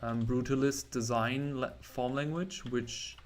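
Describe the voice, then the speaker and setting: A man's voice: mid-range voice, steady tone, a little slow. A young man from Germany chatting casually with viewers while he draws on a livestream, rambling and breaking off mid-word. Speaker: artist streaming a drawing session.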